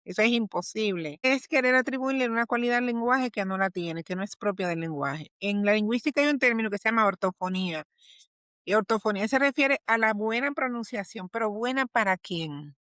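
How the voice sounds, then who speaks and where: A woman's voice: fairly high pitch, a little fast, a bit bright, no echo, studio quality. Didactic woman asking rhetorical questions. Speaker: linguist guest and teacher. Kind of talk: explanatory interview talk.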